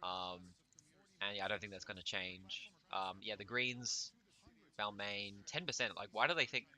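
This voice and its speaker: A man with a lowish voice and a very bright, forceful edge. He hosts a casual stream chat and thinks aloud, hesitating often. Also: steady tone, normal speed. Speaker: host.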